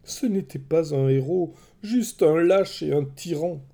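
A man's voice: fairly high pitch, unhurried, gravelly, dark tone, voice pushed up. A man voicing a proud, desperate queen and mother who pleads and accuses in a raised voice. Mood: pleading.

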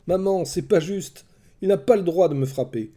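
A man voicing a young boy who protests loudly against unfair treatment. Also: moderate pace. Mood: indignant. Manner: high, loud childish protest. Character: young boy, hurt and indignant.

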